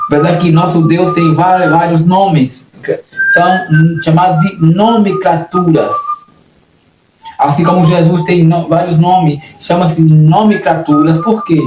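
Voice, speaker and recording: A man's voice: fairly high pitch, fairly even intonation, unhurried. A Brazilian man preaching a sermon in an earnest, repetitive way, often restarting his phrases. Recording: echoey room, distant mic, noisy.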